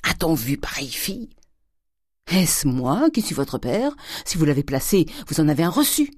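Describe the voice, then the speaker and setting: A reader voicing a domineering, miserly old father who lurches from loud fury to hissed whispers. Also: medium pitch, sing-song, moderate pace, no echo, clean studio sound. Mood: furious. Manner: thundering, swinging from shouts to hissed whispers. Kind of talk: audiobook character reading.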